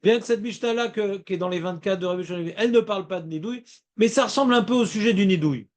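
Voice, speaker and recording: A man with a high-pitched voice leads a Talmud class. He explains in a lively, playful way and keeps checking whether his students follow. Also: quick pace. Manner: lively, asks students questions, playful rhymes. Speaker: Talmud teacher.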